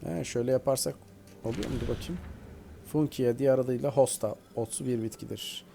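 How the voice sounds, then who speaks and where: A man's voice: medium pitch, fairly quick, creaky, dark tone, slight background noise. A man hosting a gaming video, chatting casually and playfully as he plays and talks back to the game. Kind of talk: casual let's-play commentary.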